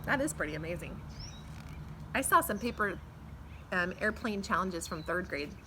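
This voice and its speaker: With a fairly low, expressive voice at normal speed, a middle-aged American teacher reads a picture book to young pupils on a backyard patio. She draws out words and adds asides for her listeners. A camera a few feet away records her, with faint outdoor background noise.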